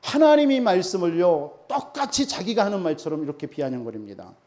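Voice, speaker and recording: A man's voice: high-pitched, sing-song, a little fast, a little mellow. A man preaching a sermon as pastor, emphatic and full of rhetorical questions to the congregation.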